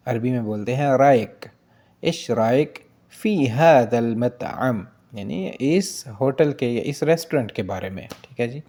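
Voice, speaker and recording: A man giving a casual spoken language lesson, going slowly and repeating each phrase with "ठीक है जी". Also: mid-range voice, mellow. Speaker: language teacher.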